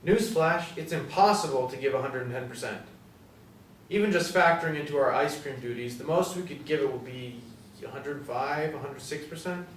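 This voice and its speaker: A man in his twenties plays a fussy, petty ice cream seller who talks in a pedantic, awkward manner. His voice is medium-pitched, at normal speed and close to his everyday voice. The recording is roomy and distant from the mic, with faint noise.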